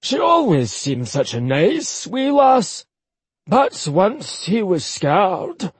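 A man voicing an older Scottish uncle, gossipy and indignant, in a high, sing-song way. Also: sing-song, slow pace, breathy edge, no echo, exaggerated voice.

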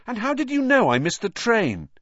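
An indignant young boy wizard from a storybook, played by a narrator. He is suspicious and demanding, pitched up a little and very animated as he presses his questions. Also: moderate pace, no echo, lo-fi sound.

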